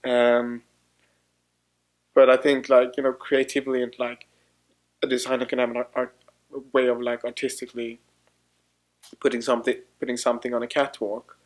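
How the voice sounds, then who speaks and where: A man in his thirties, a fashion designer speaking in a documentary interview, talking haltingly with many restarts and fillers. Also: medium pitch, little pitch movement, low-quality recording. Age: 30s.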